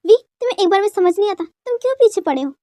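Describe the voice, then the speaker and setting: A woman's voice: very high-pitched, animated, fast talker, dark tone, no echo, clean studio sound. A woman voicing a young wife who scolds her husband in short, curt lines, in a dubbed fan story. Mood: annoyed. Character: irritated young wife, sharp-tongued.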